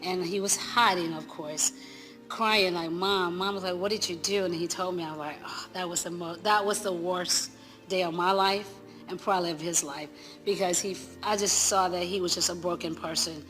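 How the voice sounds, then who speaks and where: Middle aged mom tellin it all emotional, kinda low voice. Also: female voice, fairly even intonation, a bit bright, faint music behind. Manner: emotional, rushed, retelling events. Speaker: interviewee, subject's mother. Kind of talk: documentary interview.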